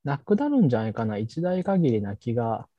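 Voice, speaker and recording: A podcast co-host chats casually about tech, sounding easygoing as he thinks out loud in a brisk, sing-song, mellow voice of medium pitch. The close mic is dry and muffled, with no room sound.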